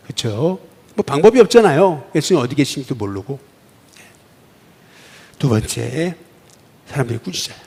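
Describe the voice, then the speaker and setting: A man's voice: fairly high pitch, dark tone, slightly rough. A male pastor preaching a sermon in a church sanctuary, often asking the congregation questions. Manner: asks the congregation questions and acts out quoted voices. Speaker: senior pastor. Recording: long reverb of a church hall.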